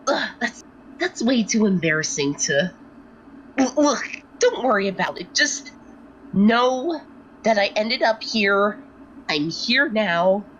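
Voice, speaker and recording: A woman voicing an embarrassed, evasive young woman character in a tabletop game, hesitant and slow. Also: medium pitch, animated, fairly bright tone, lo-fi sound, slight background noise, voice pushed up.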